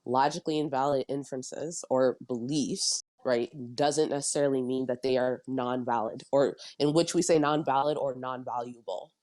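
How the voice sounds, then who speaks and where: A woman debating in an online voice chat, measured and precise, correcting and rephrasing herself as she builds her point. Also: rumbling low, steady tone, darkish tone, no echo.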